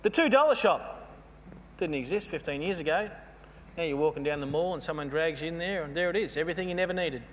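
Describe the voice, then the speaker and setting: Animated man speaking in a hall. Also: fairly high pitch, fast. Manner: animated, mocking, playfully acts out quoted voices. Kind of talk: storytelling keynote speech. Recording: long hall reverb with faint hum.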